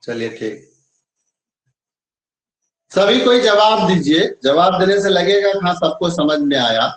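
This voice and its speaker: A man teaching an online grammar lesson, explaining slowly and repeating himself, often checking that students follow. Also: sits high, sing-song. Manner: slow, repetitive explaining with frequent check-ins. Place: online class. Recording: echoey room, voice from far off.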